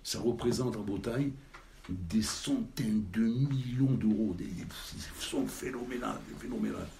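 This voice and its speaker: Animated low-voiced rabbi telling a story. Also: male voice, moderate pace, vocal fry. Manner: animated, repeats and stumbles over words. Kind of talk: storytelling sermon. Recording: noisy background.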